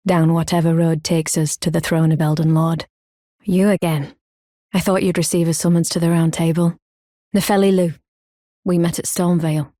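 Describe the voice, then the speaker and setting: In video game character acting, a grown woman warrior speaks in a low, even, solemn voice with measured, formal, archaic phrasing. She comes across as proud, earnest, stoic and bound by honour. The recording is dry and studio quality.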